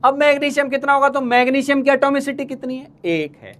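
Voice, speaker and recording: A man with a high voice teaching chemistry to exam students. He keeps firing the same question twice and teases the class fondly. His talk is quick and chatty, the way a coaching teacher talks. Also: fairly bright tone. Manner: teasing, calls students playful names. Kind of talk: live online exam-prep lecture.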